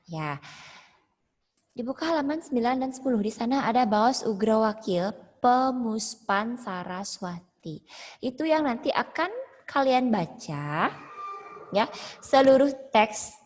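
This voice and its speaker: Brief: female teacher, slow and patient, explains each step, echoey video-call sound. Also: on the high side, lively intonation. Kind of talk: online class instruction.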